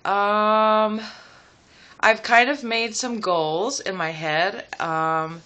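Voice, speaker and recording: Bright-voiced young woman, slow and reflective. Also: medium pitch, steady tone, lo-fi sound. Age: young adult. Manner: hesitant, reflective, thinking aloud with pauses. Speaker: vlogger. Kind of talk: casual, rambling personal chat to camera. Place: small room at home, seated indoors.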